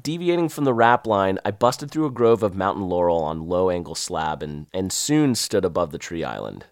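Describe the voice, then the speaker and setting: A man with a Southern accent tells a story of his own in a wry, lively first-person way. His voice is on the low side but swings widely in pitch. The sound is dry and close. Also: normal speed, no room sound.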